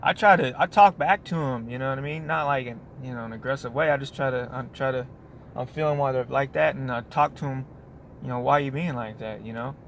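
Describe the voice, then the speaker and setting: Man, middle pitch, loose rambling vlog talk on a break, restarts and asides, faint background noise. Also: fast talker, fairly bright tone. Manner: meandering, full of restarts and "you know what I mean". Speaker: vlogger. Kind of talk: casual rambling monologue.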